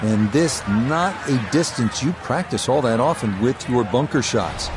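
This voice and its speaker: A man calling golf as a play-by-play commentator, in a measured, conversational broadcast style. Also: mid-range voice, expressive, noisy background, lightly acted.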